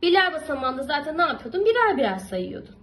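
A woman's voice: high voice, very animated, fast, fairly bright tone, rough recording. A young woman teaching a math lesson to young children, patient and encouraging, often repeating and checking that they follow. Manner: encouraging and affectionate toward pupils.

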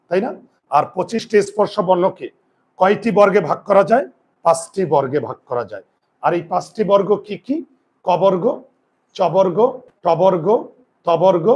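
A man's voice: high voice, a little mellow. A man teaching a live class in a classroom, asking his students questions and answering them himself in a repetitive, drilling way. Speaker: Bengali grammar teacher.

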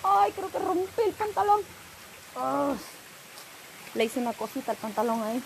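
A woman telling a rambling, animated story to her vlog audience while outdoors. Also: high-pitched, normal speed, vocal fry, slight background noise. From El Salvador. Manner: rambling, animated, self-teasing. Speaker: vlogger.

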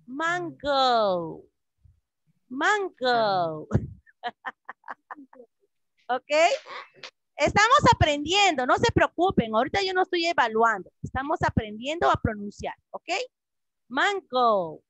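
A woman English teacher leading an online class for children, patiently repeating words slowly over a video call. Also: sits high, sing-song, fairly bright tone, no echo, rough recording.

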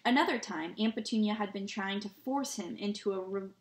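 Woman reading a kids book aloud, relaxed, a few slips, echoey room. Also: medium pitch, fairly quick, a little hiss or hum. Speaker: reader. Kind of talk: storybook read-aloud. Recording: roomy echo.

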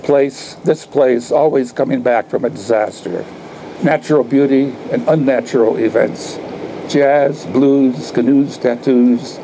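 At a garden reading outdoors, an older man in his 70s recites his poems into a microphone on a stand, with occasional asides. His voice is dark, relaxed and mid-pitched, his short phrases set down deliberately and declaimed over light ambient noise, in a low-quality recording.

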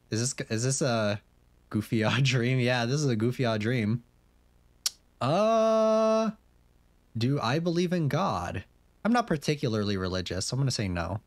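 A young man streams a game in a mid-range, sing-song voice, unhurried as he chats and rambles. He uses lots of fillers and restarts and reads on-screen questions aloud.

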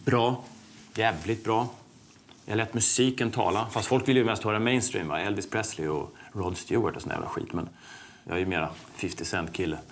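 An actor playing Örjan Lax, a foul-mouthed braggart. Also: male voice, fairly low pitch, steady tone, far from the mic, slight background noise, lightly acted. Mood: boastful. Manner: swears constantly, brash and boastful. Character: crude boastful male wannabe musician and salesman. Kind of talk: sketch comedy acting.

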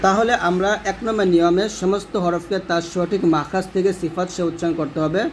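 Male teacher, fairly high voice, patient step-by-step pronunciation lesson, models each sound aloud. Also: a little hiss or hum. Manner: explains slowly, models each letter sound, repeats it. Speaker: Quran recitation teacher.

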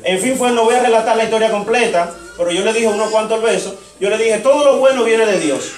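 A male preacher with a high voice tells a story from the pulpit and voices each side of the dialogue. He sounds a little distant from the mic. His voice rings around a large, echoey church. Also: fast. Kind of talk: sermon. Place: church sanctuary.

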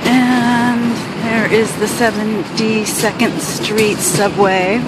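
Filming a walking vlog on a handheld camera, a woman strolls a busy city sidewalk and unhurriedly narrates what she sees, laughing often. Her voice is a bit high and level in tone, she takes it slowly, and street traffic is loud behind her.

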